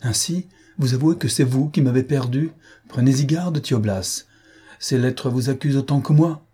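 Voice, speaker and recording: A man's voice: mid-range voice, moderate pace, dark tone, breathy edge, voice pushed up. A man voicing a terrified aristocratic marquise in an audiobook, with anguished, breathless exclamations. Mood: accusing. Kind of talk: audiobook character voice.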